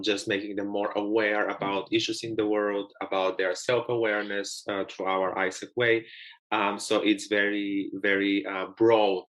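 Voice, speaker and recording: Low, even-toned man from Bulgaria. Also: rough recording. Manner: earnest, explanatory. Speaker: podcast guest. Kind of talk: casual podcast interview.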